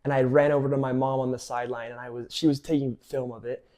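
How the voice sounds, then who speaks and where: A twenty-one-year-old man from California with an American accent talks fast in a mellow, medium-pitched voice with little pitch movement. He's a college soccer player casually telling stories in an interview.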